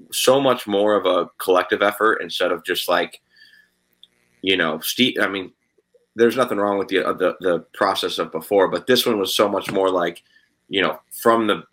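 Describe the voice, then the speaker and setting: A man who is a guest musician on a podcast, rambling in a relaxed way with many fillers. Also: low voice, poor audio. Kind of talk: casual interview chat.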